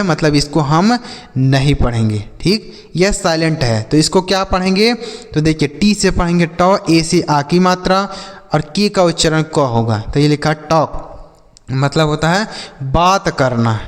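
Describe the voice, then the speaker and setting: A man with a Hindi accent teaches children to read English, sounding out each letter slowly before he asks a question and answers it himself. His voice sits a little high. The recording carries a long reverb tail. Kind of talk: spelling-out lesson for children.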